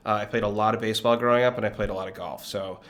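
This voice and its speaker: A man in his thirties from Connecticut, a guest in an interview, talking in a relaxed, reflective way with many fillers. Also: on the low side, rapid-fire. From Connecticut, USA. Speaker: guest, business leader. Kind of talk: conversational interview.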